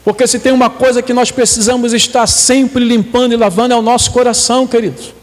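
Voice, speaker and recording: A man's voice: very high voice, steady tone, quick pace, long reverb tail. A man preaching a sermon, reading scripture aloud and explaining it to the congregation.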